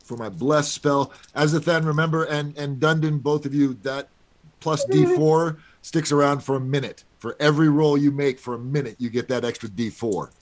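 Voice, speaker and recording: A man's voice: fairly high pitch, steady tone, normal speed. A man playing a cleric in a tabletop game, casting spells and patiently explaining the rules to the others. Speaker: player. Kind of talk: casual tabletop play.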